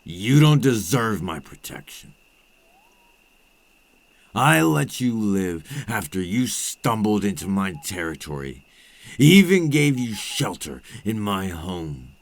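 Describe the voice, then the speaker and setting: This man's lowish, very animated voice is heavily acted as he plays a cold, possessive vampire captor in ASMR roleplay, sounding angry and warning. The recording is dry, and his condescending menace is deliberate, sinking at times into breathy murmurs.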